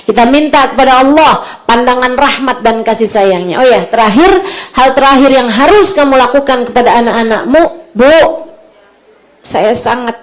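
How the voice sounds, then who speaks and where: A middle-aged woman delivers a sermon to an audience of mothers. Her voice sits a little high, and she sinks into soft, near-whispered counsel before lifting back up into animated storytelling. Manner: shifts from soft, hushed advice to lively raised storytelling. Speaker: preacher.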